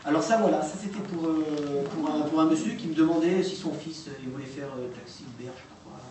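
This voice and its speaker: A man lectures to an audience, his voice sitting a little high as he stops and restarts between fillers. The echoey hall is picked up from a distance, with a clear hum of ambience underneath. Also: mellow. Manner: halting, many fillers and restarts. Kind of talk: public talk playing recordings. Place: lecture room. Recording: echoey hall recorded from far off.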